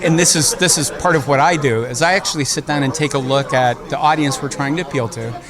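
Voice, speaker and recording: A man's voice: mid-range voice, quick pace. A man giving an explanatory interview as a producer at a busy convention. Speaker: audio drama producer being interviewed. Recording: busy crowd noise around the voice. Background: crowd chatter.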